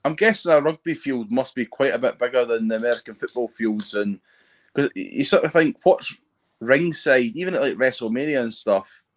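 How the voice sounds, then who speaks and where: A man's voice: mid-range voice, expressive, fairly quick. A man co-hosting a casual chat, hesitant and often trailing off mid-thought. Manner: hesitant, trails off while thinking. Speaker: co-host. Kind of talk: casual chat, live reactions. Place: at home watching TV.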